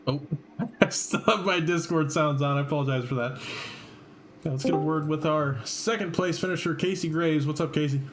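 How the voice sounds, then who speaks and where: A man's voice: on the high side, normal speed, slight background noise. A man doing casual post-race interviews from a broadcast booth, upbeat and chatty, laughing often.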